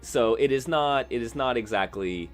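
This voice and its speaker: A man's voice: mid-range voice, animated, normal speed, faint music behind. A man live-streaming a video game, chatting casually with viewers in a rambling, self-correcting way. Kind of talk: casual live-stream chat while gaming.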